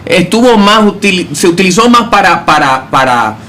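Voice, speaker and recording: A man with a notably high voice argues his views emphatically, pressing his points with rhetorical questions. He sounds opinionated and sure of himself throughout the discussion. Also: very animated, moderate pace, bright, forceful tone, a little hiss or hum. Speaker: political commentator. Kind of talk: casual debate discussion.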